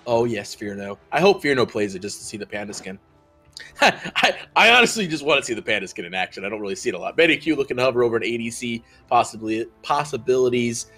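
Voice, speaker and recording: Male esports caster, rambling commentary, ordinary mid pitch, faint music behind. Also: lively intonation, quick pace, hardly any pauses, sharp tone. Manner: rambling, filler-heavy analysis.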